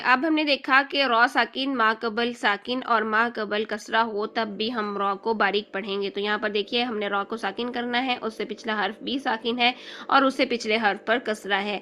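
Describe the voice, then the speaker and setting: A woman's voice: on the high side, steady tone, pushed and bright, a little hiss or hum. A woman teaching Quran recitation rules in an online lecture, explaining step by step and checking in with listeners.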